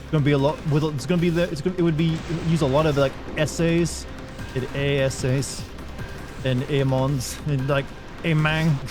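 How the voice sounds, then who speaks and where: Speaking over music in a fairly high, steady voice at a moderate pace, a man casually comments on a game during a live stream. His talk is rambling and jokey, full of fillers such as "like."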